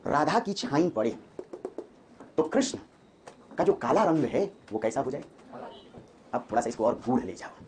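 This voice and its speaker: कक्षा में हिंदी साहित्य पढ़ाता एक पुरुष शिक्षक, जो बार-बार छात्रों से सवाल पूछता है।. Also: male voice, medium pitch, slight background noise. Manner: lively, quizzes students with quick questions. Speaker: Hindi literature teacher. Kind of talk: classroom lecture. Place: classroom.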